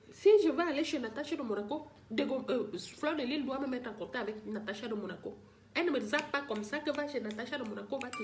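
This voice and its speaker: A woman's voice: sits high, a little mellow, slight background noise. Older woman in a pleading live-stream rant. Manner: pleading, repetitive, talks straight to viewers. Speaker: livestreamer addressing viewers.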